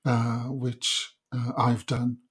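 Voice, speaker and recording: A man's voice: mid-range voice, monotone, extremely slow, husky. Male interviewee, middle-aged, Welsh Valleys accent; reflective, hesitant conversational delivery. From South Wales Valleys. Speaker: interview guest.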